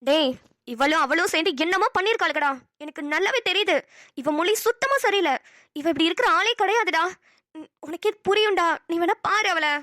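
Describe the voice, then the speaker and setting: A woman's voice: very high-pitched, lively intonation, fairly quick, sharp tone, no echo, studio quality, exaggerated voice. A woman voicing an anxious, bossy elder sister in a cartoon, frantic and scolding. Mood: fearful. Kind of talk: cartoon voice acting.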